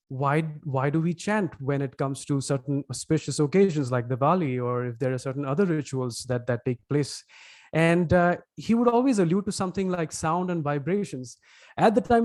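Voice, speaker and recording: This is a man with an Indian accent, speaking with a slightly high voice in a dry, close recording. He explains things at length and thinks aloud, with frequent "uh"s and restarts as he answers a host's questions over a video call. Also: a little mellow, no echo. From India, Mumbai. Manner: thoughtful, elaborate, frequent "uh" and restarts. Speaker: podcast producer, guest. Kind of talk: webinar interview.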